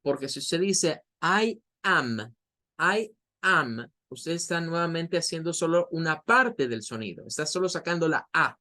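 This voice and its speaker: A man with a Latin American Spanish accent teaching a recorded online English lesson, patiently explaining and repeating words slowly for practice. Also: fairly high pitch, animated, bright, forceful tone.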